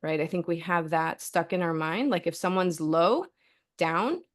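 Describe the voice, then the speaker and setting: A woman's voice: on the low side, unhurried. A middle-aged woman in a conversational interview, answering thoughtfully and often tagging her sentences with "right?" and "like.". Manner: thoughtful, frequent "like" and "right?" tags. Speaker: philosophy author and professor, interview guest.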